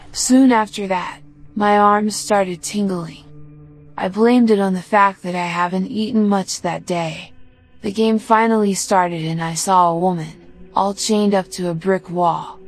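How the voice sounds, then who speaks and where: A woman reading a first-person horror story as scripted narration, in a measured, even delivery. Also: mid-range voice, faint music behind.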